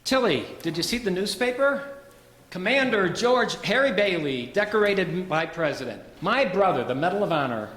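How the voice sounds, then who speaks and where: A man acting a harried small-town banker and father in a stage radio play, urgent and emphatic, halting when rattled. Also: high-pitched, animated, fairly bright tone. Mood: proud, excited. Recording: echoey hall with background noise.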